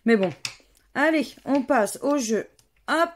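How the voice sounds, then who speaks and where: A woman's voice: sits high, expressive, slow pace, a little hiss or hum. A woman from France giving a casual running commentary as she scratches lottery tickets, spelling out letters one by one. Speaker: scratch-card vlogger.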